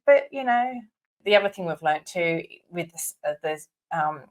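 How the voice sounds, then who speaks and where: A woman's voice: fairly low pitch, lively intonation, normal speed. A woman co-hosting a podcast in loose, chatty conversation full of fillers. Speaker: podcast co-host. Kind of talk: casual chat.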